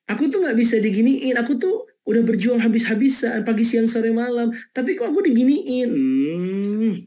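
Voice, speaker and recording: Brief: husky-voiced Indonesian male preacher, lively storytelling sermon. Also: fairly high pitch. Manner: lively, storytelling, rhetorical questions. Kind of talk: sermon webinar talk.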